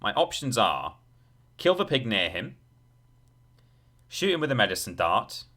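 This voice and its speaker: A man with a lowish voice, big pitch swings and a sharp tone speaks a little slowly as he live-streams a game. He rambles, thinks aloud and chats with viewers over the game's music.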